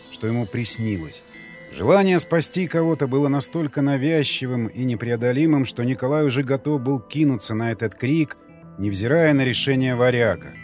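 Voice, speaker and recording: A man narrating an audiobook in steady storytelling and acting out the characters. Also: mid-range voice. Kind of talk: scripted narration.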